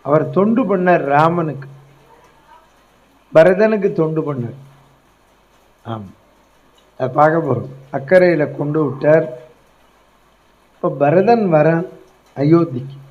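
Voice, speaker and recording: Slow, high-voiced male religious storyteller. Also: muffled recording. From Tamil Nadu, India. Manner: emphatic, checks in with the audience. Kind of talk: epic discourse sermon.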